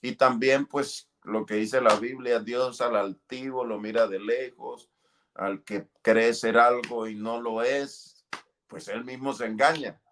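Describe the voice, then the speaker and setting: A man's voice: mid-range voice, steady tone, slow pace, a little hiss or hum. A middle-aged man giving an earnest, fervent testimony in an interview. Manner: earnest, fervent, relives moments with cries and shouts. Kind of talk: emotional testimony.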